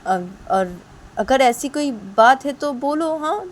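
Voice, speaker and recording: A woman voicing a middle-aged father who slowly coaxes his daughter with questions. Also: high-pitched, animated, voice pushed up. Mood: coaxing.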